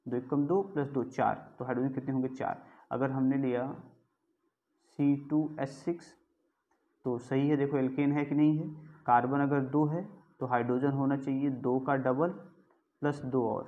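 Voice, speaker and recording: A man teaching a chemistry class in a lecture style, asking questions and answering them himself. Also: medium pitch. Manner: explains step by step, asks and answers his own questions. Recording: tinny phone-like sound.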